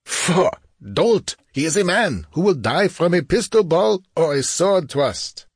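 A scornful, snarling bandit chief, put on by a male narrator in a storybook reading. The voice is raised and lively, leaping in pitch as he mocks and rages. It sounds a touch husky and dry, close to the microphone. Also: unhurried, dry recording, heavily acted.

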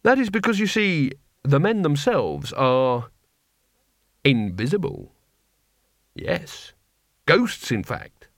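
Man playing a nervous wizard, hesitant, thinking aloud, lively pitch. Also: slow pace, long pauses, no room sound, clean studio sound, full character voice. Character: nervous, improvising male wizard.

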